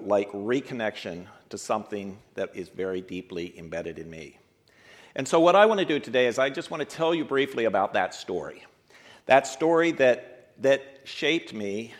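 Earnest man in his sixties giving a talk. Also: medium pitch. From grew up in Ethiopia and the United States. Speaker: guest speaker. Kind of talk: speech to a live audience.

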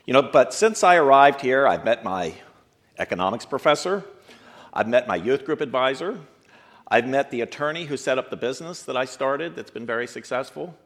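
A man's voice: medium pitch, animated, normal speed, fairly bright tone. Earnest man in his sixties giving a talk. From grew up in Ethiopia and the United States. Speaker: guest speaker. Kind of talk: speech to a live audience.

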